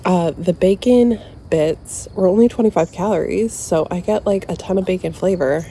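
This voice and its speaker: A woman's voice: fairly low pitch, normal speed, mellow. Casual woman vlogger, under the weather, noisy background. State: sick with a cold. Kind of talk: casual chat to camera.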